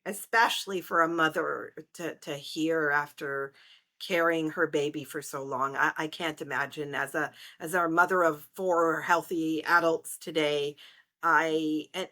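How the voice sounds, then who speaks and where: A middle-aged woman hosting a podcast interview, speaking in a measured, reflective way. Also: deep voice, pushed and bright. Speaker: podcast host.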